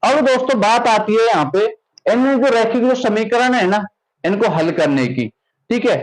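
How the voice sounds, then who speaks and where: A man's voice: high-pitched, expressive, normal speed, rough recording. A man teaching a maths lesson, who asks rhetorical questions and keeps checking in with his students. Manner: repeats "ठीक है" often, asks rhetorical questions. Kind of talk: classroom lesson explanation.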